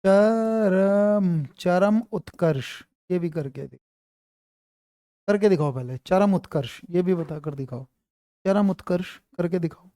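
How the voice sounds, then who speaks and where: A man's voice: high-pitched, unhurried, long pauses, dark tone, no room sound, clean studio sound. A man teaching an online grammar class, quizzing his students and repeating his questions.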